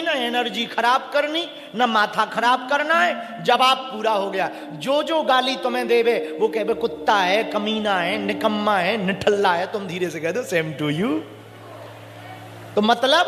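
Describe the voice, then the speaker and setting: A male preacher with a high, bright voice delivers a devotional sermon full of storytelling at a measured pace. He's animated, dramatizes dialogue, and calls on the audience to repeat after him. The recording comes from an echoey hall with faint music in the background.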